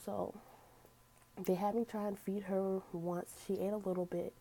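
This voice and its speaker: A woman's voice: medium pitch, level tone, a little slow, warm tone, rough recording. A young woman telling a personal story in a casual storytime vlog, speaking in a candid, earnest way. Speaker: vlogger.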